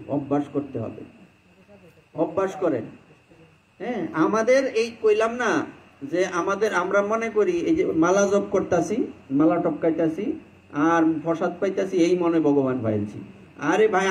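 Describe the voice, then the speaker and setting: High-voiced man giving a devotional sermon. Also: a little hiss or hum, poor audio. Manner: conversational, chants mantra lines mid-talk. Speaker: Vaishnava preacher.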